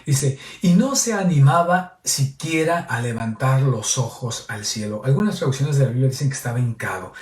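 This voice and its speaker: A man's voice: mid-range voice, expressive, normal speed, few pauses, darkish tone. A priest giving a homily on a Gospel reading in a teacherly way, often checking in with his listeners. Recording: echoey, voice heard from a distance.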